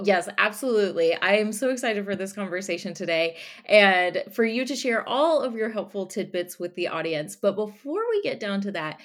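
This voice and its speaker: A woman's voice: medium pitch, dry recording, studio quality. A woman hosting a podcast, reading an upbeat scripted intro and then welcoming her guest with enthusiasm. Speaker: podcast host.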